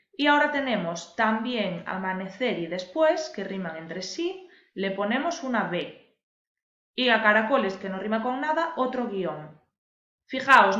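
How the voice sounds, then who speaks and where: A woman's voice: fairly high pitch, fairly bright tone. A woman teacher, patiently explaining a lesson and stressing key words for her viewers. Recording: echoey room, dull lo-fi sound.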